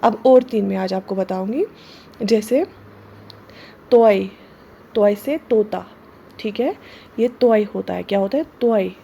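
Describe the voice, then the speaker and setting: A woman's voice: medium pitch, creaky, dark tone, slightly rough. A woman teaching an online Urdu class, patiently spelling out letters and words and often checking in with her students. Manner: patient, repeats words slowly, often checks with "theek hai". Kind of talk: online exam-prep lesson.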